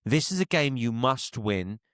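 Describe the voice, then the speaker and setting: Brief: young male host, blunt football opinions, dry close sound, mid-pitched voice. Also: animated, a bit bright, no room sound. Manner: blunt, opinionated, quick to laugh. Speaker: podcast host. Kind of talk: casual football chat.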